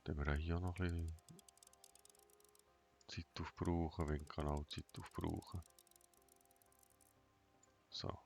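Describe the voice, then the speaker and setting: A man talking in a flat, emotionless monotone while clicking through game menus and mumbling to himself in a let's play. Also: a bass voice, slow, gravelly, long pauses. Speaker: gamer. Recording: dull lo-fi mic, faint game music behind.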